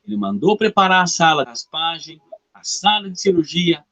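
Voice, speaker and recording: A man's voice: very animated, moderate pace, pushed and bright, dull audio. A man giving a fervent, repetitive testimony as a guest in a live interview. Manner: fervent, repetitive storytelling with dramatic pitch swings.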